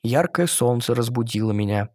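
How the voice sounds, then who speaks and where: Male audiobook narrator, middle pitch, playful and ironic, dry close sound. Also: moderate pace, no room sound. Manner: expressive, playful reading with ironic asides. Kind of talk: audiobook reading of a humorous story.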